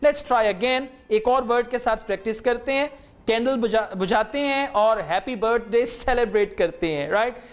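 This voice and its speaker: A man teaching English pronunciation, modeling words slowly for repetition and mixing English terms into his explanations. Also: very high-pitched. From Pakistan. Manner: slow, drawn-out model words for repeating. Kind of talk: spoken English lesson with drills.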